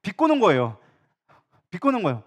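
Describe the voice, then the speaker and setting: A man preaching a sermon as pastor, animated and acting out quoted complaints. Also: high voice, normal speed. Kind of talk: lively sermon.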